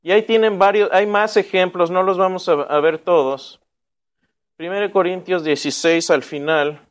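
A man's voice: high-pitched, fairly even intonation, normal speed. A man teaching an interactive Bible lesson, asking the class questions and answering them himself in a casual way. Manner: casual, with restarts and asides.

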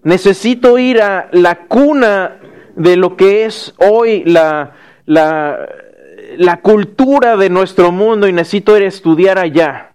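A man speaking as a restless, ambitious young male scholar, earnest and reassuring, in a slow and smooth voice. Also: high-pitched, a little mellow. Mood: eager.

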